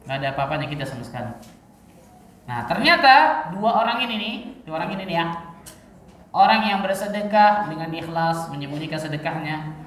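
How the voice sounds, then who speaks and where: A man preaching a sermon in a lively teaching manner, full of rhetorical questions and casual asides. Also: on the high side, fairly quick, pauses often, slight background noise. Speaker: Islamic preacher. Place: mosque. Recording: echoey hall, mic far off.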